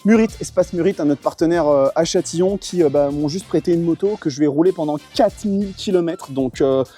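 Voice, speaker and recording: Young male moto vlogger, higher pitch, mellow tone, relaxed rambling delivery with soft music behind. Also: brisk, slightly rough. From Portugal. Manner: chatty, lots of fillers and thanks to sponsors. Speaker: motorcycle vlogger. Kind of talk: casual moto vlog.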